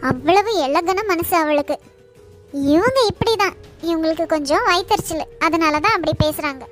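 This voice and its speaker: A very high-voiced, gentle cartoon aunt who soothes and coaxes, played by a woman. Her tone stays affectionate and protective. Soft music hums in the background. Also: moderate pace. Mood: soothing. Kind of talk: cartoon voice acting. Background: faint background music.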